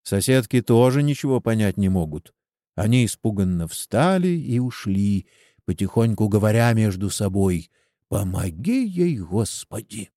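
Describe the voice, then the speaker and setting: A man reads a sorrowful story aloud, shaping the lines with feeling. His voice is mellow and lively in pitch, recorded close and dry. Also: moderate pace, dry recording. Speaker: narrator. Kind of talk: storybook reading.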